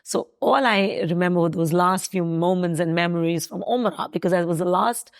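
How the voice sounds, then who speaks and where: A woman's voice: fairly low pitch, moderate pace. A woman in her thirties from South Africa, talking casually as an interview guest, hesitant with many fillers and restarts.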